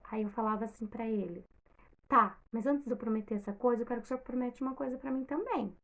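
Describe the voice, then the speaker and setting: A woman's voice: a little high, fast talker, fairly bright tone. A Brazilian woman emotionally retelling a personal story, acting out quoted dialogue. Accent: Brazilian Portuguese. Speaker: vlogger.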